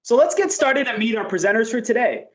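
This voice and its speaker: High, animated male webinar host. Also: a little fast. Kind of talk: scripted webinar hosting.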